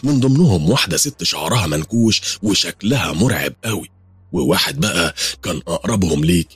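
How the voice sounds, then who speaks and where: A man's voice: sits low, animated, a little fast, husky, dry recording, faint music behind, exaggerated voice. A man with an Egyptian accent voicing a strange veiled woman who insists she sees spirits around people, speaking in an ominous, matter-of-fact way. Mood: ominous insistent.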